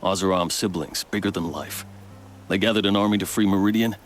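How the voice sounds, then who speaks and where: Casting: male actor as a very deep-voiced, measured veteran captain with faint ambience. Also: fairly even intonation, slight background noise, lightly acted. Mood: proud steady. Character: loyal male captain, steady veteran soldier.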